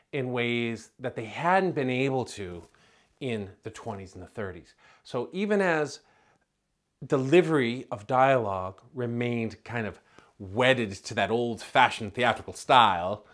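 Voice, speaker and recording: A man giving an explanatory video lecture on film acting, conversational, with asides and self-corrections. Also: medium pitch.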